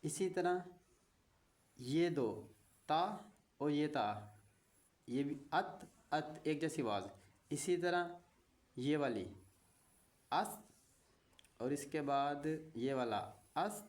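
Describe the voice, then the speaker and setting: A man's voice: mid-range voice, long pauses, darkish tone. A male teacher patiently spelling out letter combinations syllable by syllable for beginners, with short explanatory asides.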